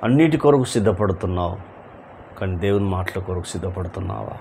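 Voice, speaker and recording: A man's voice: deep voice, lively intonation, brisk, creaky, a little mellow, a little hiss or hum. A male pastor preaching an evening sermon, repeating rhetorical questions and rising suddenly on key words.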